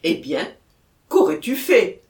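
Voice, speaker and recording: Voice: medium pitch, huge pitch swings, takes it slowly. A reader voicing a firm, insistent police commissioner, in a storybook reading with a roomy echo. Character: firm police commissioner, middle-aged man.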